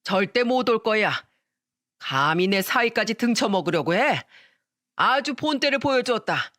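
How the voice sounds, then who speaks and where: A woman's voice: fairly high pitch, a bit bright, no echo. A woman voicing a blunt, indignant middle-aged father in a storytelling radio drama, a dry close recording. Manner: blunt, boastful.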